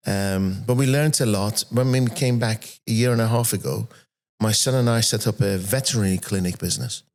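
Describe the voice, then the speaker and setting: A soft-spoken man in his fifties, born and raised in Iran and moved to England at 13, tells animated personal stories as an interview guest. His voice is on the low side and his delivery brisk.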